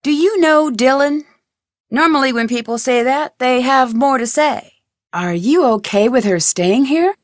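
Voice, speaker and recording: For a mystery game, a voice actor plays the protagonist, a young amateur girl detective who is bright, curious, and persistent. Her slightly high voice is expressive and measured, swinging freely up and down as she muses, questions, and thinks aloud while investigating. It's recorded close and dry on a studio microphone, with no room sound.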